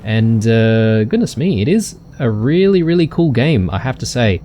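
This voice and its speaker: A man's voice: medium pitch, sing-song, normal speed, warm tone, a little hiss or hum. A man hosting a let's play, chatting casually to viewers with many ums and uhs. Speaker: gaming channel host.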